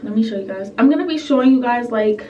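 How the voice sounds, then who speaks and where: A woman's voice: on the high side, expressive, quick pace, warm tone, recorded from a distance, muffled recording, a little hiss or hum. A young woman chatting casually through a makeup tutorial at home, full of fillers and asides, sounding a bit sick. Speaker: beauty vlogger. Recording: roomy echo, set back from the mic.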